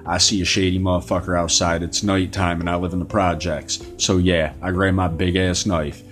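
Man, very low voice, profane angry monologue, faint guitar music behind. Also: little pitch movement, moderate pace. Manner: profane, ranting, indignant. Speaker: podcast host.

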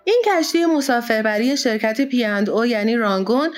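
A woman narrating an audiobook in a steady storytelling manner. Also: on the high side, faint music behind.

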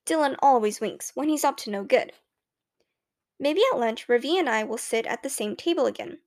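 A woman reading a children's novel aloud in the first person, with clear, expressive storytelling. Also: on the high side, normal speed. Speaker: audiobook narrator. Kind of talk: scripted first-person audiobook narration.

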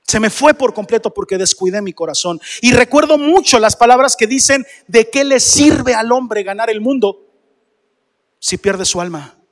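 A man preaches to his congregation in a high voice, pressing them with question after question. His voice rings out with a long reverb from the church hall around him. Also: expressive, normal speed. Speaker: pastor. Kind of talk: sermon.

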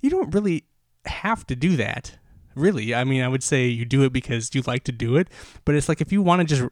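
A man's voice: medium pitch, lively intonation, brisk, no echo, studio quality. Breathless rambling male podcast host. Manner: rambling and enthusiastic, many fillers and restarts. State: slightly out of breath. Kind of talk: solo podcast chat.

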